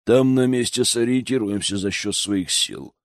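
A man doing a deep, businesslike male mage. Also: normal speed, dry recording, clean studio sound, lightly acted.

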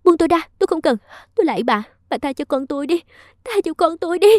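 A woman's voice: very high voice, animated, fast, darkish tone, dry recording, studio quality, voice pushed up. A woman voicing a frightened young pregnant woman who begs through tears. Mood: screaming. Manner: tearful, desperate pleading.

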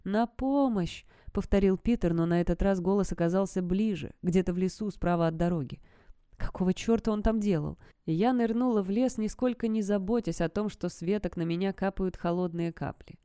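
A woman's voice: mid-range voice, brisk, warm tone, clear, resonant tone, no room sound, clean studio sound. A woman narrating a first-person audiobook in a tense, suspenseful storytelling manner.

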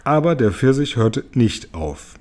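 A man reading a children's story aloud as audiobook narrator, in an expressive storytelling manner. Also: mid-range voice, measured pace.

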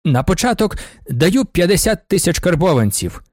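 Man voicing a stooped count, eager, high voice, audiobook, dry. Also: very animated, normal speed, darkish tone, no echo. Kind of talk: audiobook character voice.

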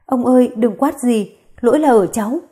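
A woman's voice: a little high, fairly quick, warm tone, natural voice. A woman voicing a scheming young woman in a spoken story, mocking and then feigning tears. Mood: tearful. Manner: mocking, then tearfully meek.

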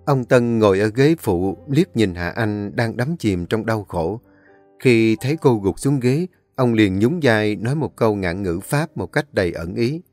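Male audiobook narrator, low voice, steady scripted reading, soft music underneath. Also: measured pace. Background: faint background music.

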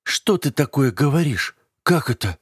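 A man voicing a curious, stubborn young girl in an audiobook, with a high piping voice and an earnest, easily indignant manner. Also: sing-song, a little slow, slightly rough, no echo, studio quality, exaggerated voice. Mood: childish, earnest. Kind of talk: audiobook character voice.

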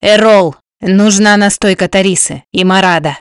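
A woman's voice: on the low side, steady tone, normal speed, clean tone, dry recording, clean studio sound, close to an everyday voice. A woman voicing a stern male chieftain who speaks in curt, clipped commands.

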